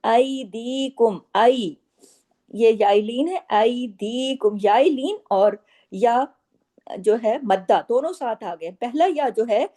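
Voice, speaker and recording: A woman gives a tajweed lesson, patiently explaining each rule. Her voice is fairly high and mellow. She speaks very slowly and repeats words one by one. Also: expressive. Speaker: Quran recitation teacher. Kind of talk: slow tajweed lesson with recited phrases.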